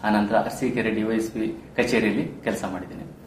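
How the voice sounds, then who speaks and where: A man in his thirties from Karnataka, India, with a Kannada accent, speaks a little fast in a steady, lowish voice. As a podcast interview guest and police sub-inspector probationer, he tells his own story earnestly in formal phrasing mixed with English terms. The recording has a roomy echo and faint background noise.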